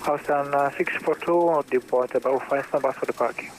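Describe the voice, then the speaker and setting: A man's voice: medium pitch, steady tone, brisk, low-quality recording. A man speaking as a pilot over the radio, giving clipped readbacks to air traffic control with hesitant fillers. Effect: pilot talking over the radio. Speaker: airline pilot.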